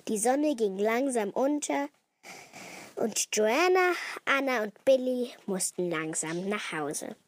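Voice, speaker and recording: High, lively woman telling a story. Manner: slow, with frequent restarts and self-corrections.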